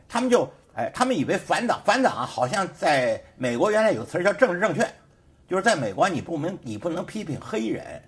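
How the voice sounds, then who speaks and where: A man with a slightly high voice, who hosts a show and teaches sociology, delivers a casual political commentary monologue in a studio. His talk is emphatic and repetitive, packed with rhetorical questions.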